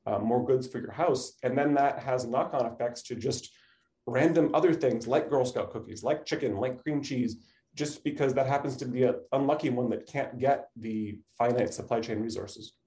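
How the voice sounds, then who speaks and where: A man with a mellow, relaxed tone and an average pitch. He explains as an expert interview guest, conversationally and informally, checking in with the listener as he goes. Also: normal speed. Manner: informal explaining, often checks with "you know" and "right". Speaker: academic supply chain expert, interview guest.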